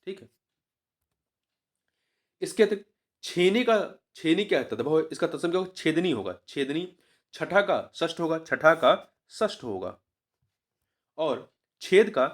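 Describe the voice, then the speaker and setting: A man teaching as an exam coach, going through a grammar test paper, patiently repeating each word and spelling it out syllable by syllable. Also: a little high.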